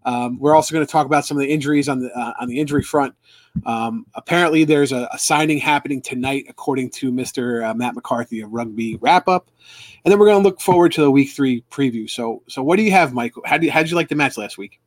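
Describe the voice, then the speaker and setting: A man's voice: medium pitch, fast, dry recording. A man hosting a casual live stream for a sports fan club, rambling with lots of fillers and restarts.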